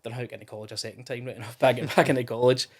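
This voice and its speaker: A Scottish man in his thirties, a guest on a podcast, chats casually and rambles through the interview with frequent fillers and restarts. He talks very fast in a medium-pitched, darkish voice that barely moves in pitch.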